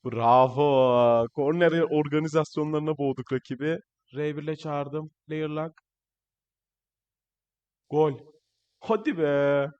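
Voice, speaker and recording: Young male gamer, higher-pitched voice, excitable live commentary, strained from yelling. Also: measured pace, long pauses, lo-fi sound. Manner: excitable, shouting at players on screen. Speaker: gaming channel host.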